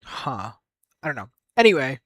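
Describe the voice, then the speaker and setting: A young man streaming his game development, thinking aloud in an excitable, casual way and swearing now and then. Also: medium pitch, moderate pace, no room sound. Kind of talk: casual live-stream brainstorming.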